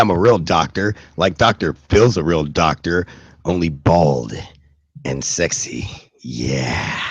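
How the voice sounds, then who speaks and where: A man hosting a live web radio show cracks self-mocking jokes in a lowish voice, with loose fillers and restarts between news bits. The sound is dry and close, with no room around him. He grew up in the southwestern US and in Germany. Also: fairly bright tone, husky, no echo.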